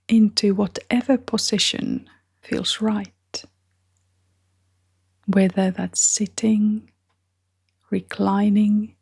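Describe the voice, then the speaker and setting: Leading a guided meditation, this woman speaks at a medium pitch, half-whispering in a soft, breathy way. She takes her time, with gentle phrasing.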